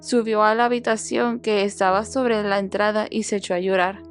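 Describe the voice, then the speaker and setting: A woman reading a Bible passage aloud for a podcast in a steady, measured storytelling voice. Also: mid-range voice, soft background music. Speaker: Bible reader, podcast host.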